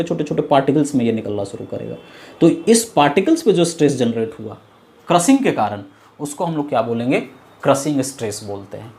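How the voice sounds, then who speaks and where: A man's voice: on the high side, a little mellow. A man teaching an engineering class, explaining step by step, asking questions and answering them himself. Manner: explains step by step, repeats key terms, asks and answers his own questions; mixes English technical phrases into his talk. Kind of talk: classroom lecture.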